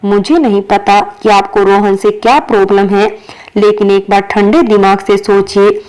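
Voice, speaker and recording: A woman's voice: medium pitch, steady tone, moderate pace, a little mellow, smooth, lightly acted, low-quality recording. A woman voicing a playful, sulking young female employee in a storybook reading, with a childlike, insistent manner.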